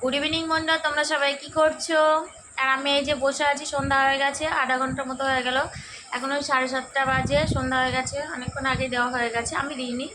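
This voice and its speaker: A young woman with a hoarse voice, chatting casually to viewers in a home vlog and often asking if they follow. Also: high voice, little pitch movement, quick pace, background noise. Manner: chatty, keeps asking "okay?". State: hoarse, sore throat. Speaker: vlogger.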